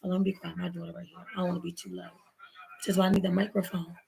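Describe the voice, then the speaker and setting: A vlogger from Baltimore, USA, races through a casual, rambling story time for viewers she calls y'all, painting her nails at home. Having lost her voice, she sounds hoarse and gravelly, lowish and dark in tone, with flat delivery. She records on her laptop's built-in mic.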